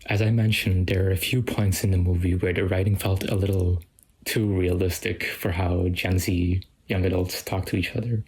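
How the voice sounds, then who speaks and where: A man's voice: low voice, level tone, moderate pace, darkish tone, breathy edge, low-quality recording. A young man giving a casual, self-deprecating film review read from a script.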